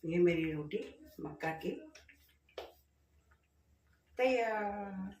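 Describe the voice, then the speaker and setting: A middle-aged woman cooking in her home kitchen, chatting directly to her viewers and speaking loudly on purpose. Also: medium pitch, very slow, far from the mic, a little hiss or hum. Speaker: vlogger. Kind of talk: casual cooking vlog. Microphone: camera set up at a distance. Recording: echoey kitchen, voice off-mic.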